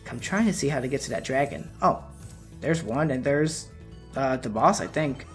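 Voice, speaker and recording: A man giving relaxed, chatty commentary while playing a video game, his voice wearing out. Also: medium pitch, moderate pace, soft background music. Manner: relaxed, chatty, laughs at his own mistakes. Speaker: let's play gamer. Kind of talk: casual gameplay commentary.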